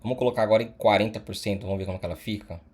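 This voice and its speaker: Brief: male tutor, lowish voice, relaxed explainer with tag questions. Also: racing, slightly rough. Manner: casual, explanatory, frequent "tá?" and "né?" tags. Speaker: online course instructor. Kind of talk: screen-recorded tutorial.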